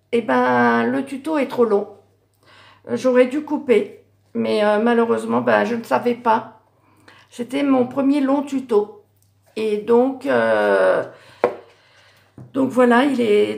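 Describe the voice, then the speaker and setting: A middle-aged woman showing her handmade Christmas cards in a casual craft vlog, hesitant with many fillers and self-corrections, her voice going hoarse. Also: on the high side. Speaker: craft YouTuber.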